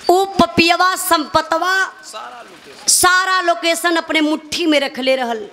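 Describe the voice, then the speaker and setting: A woman's voice: extremely high pitch, steady tone, slow pace, sharp tone. A woman narrating a dramatic folk ballad, calling out to her listeners as brother. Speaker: folk storyteller singer.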